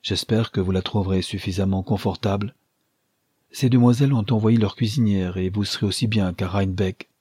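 Formal, apologetic butler type, low and husky, narrator voices him. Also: male voice, steady tone, brisk, mellow, no room sound. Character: grave, deferential older male servant.

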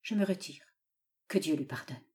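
A woman's voice: low voice, lively intonation, moderate pace, dark tone. A woman reading aloud, voicing a proud young foreign man who holds back his anger. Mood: restrained. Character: proud young Italian exile, dignified.

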